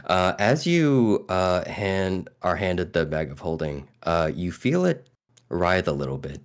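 A man narrating as game master in a tabletop game, halting and repeating his words as he talks. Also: low voice, very animated.

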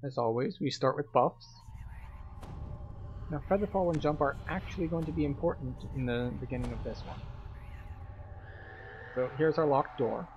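A man with a mid-range voice hosts a partly scripted game playthrough guide, explaining each step in an instructional, lightly playful way at normal speed with long pauses. The lo-fi recording carries slight background noise and music behind him.

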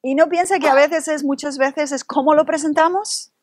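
A woman from Spain with a Spanish accent, a university Spanish instructor leading an interactive workshop in a lively, playful way and drawing answers from the audience. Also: high-pitched, moderate pace.

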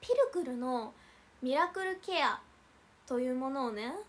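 A woman's voice: high voice, expressive, measured pace. A young woman hosting a casual idol livestream, chatting and reading out viewer comments with frequent giggles.

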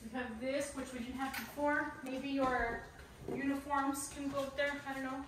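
A woman's voice: high-pitched, level tone, normal speed, background noise. A woman in her thirties with a Texan accent, chatting enthusiastically as she walks from room to room on a family house-tour vlog. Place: large empty house, indoors, Texas. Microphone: camera held at a distance. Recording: echoey empty rooms, voice from far off.

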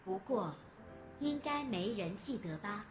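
A woman's voice: mid-range voice, animated, a little slow, natural voice. A woman playing a devoted, literal-minded robot maid in a game, announcing things in a formal robotic manner. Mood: secretive. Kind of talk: game voice acting. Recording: game music behind.

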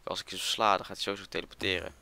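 A young man with a Dutch accent commentating his Minecraft let's play, excitable and quick to swear. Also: sits low, gravelly. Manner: excitable, swears in rapid strings. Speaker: gaming channel host.

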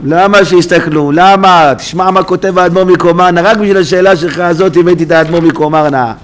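Male rabbi, sermon in a synagogue; fervent, direct address, fairly high-pitched. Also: fairly even intonation. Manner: impassioned, swings from low murmurs to loud cries; addresses listeners directly, quotes rabbinic sources.

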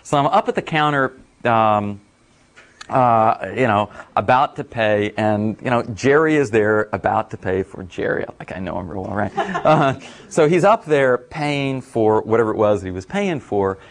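A middle-aged man telling a casual story at a talk, rambling with many fillers and getting animated when he quotes others. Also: lowish voice, moderate pace. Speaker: speaker at a talk.

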